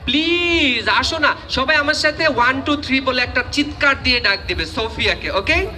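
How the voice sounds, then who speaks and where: A man hosting a children's puppet show, presenting in an animated, playful and coaxing way. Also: very high voice, moderate pace, soft background music.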